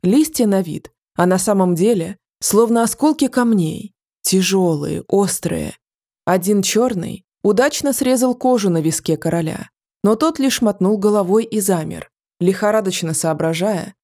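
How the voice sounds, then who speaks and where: Woman narrating a dark fantasy audiobook. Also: medium pitch, lively intonation, unhurried.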